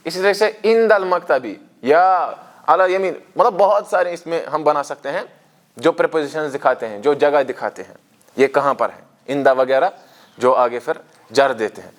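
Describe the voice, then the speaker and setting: Male language teacher, slightly high voice, explains patiently and drills the class in a classroom. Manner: explains terms step by step, asks the class questions and drills them in recitation. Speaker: Arabic teacher. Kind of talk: classroom grammar lesson.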